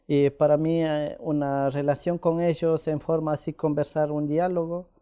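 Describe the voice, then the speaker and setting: Soft-toned man. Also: fairly high pitch, flat delivery, clear, resonant tone. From Ecuador. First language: Quichua. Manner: halting, with many pauses and "eh" fillers. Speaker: interviewee. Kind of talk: casual conversation.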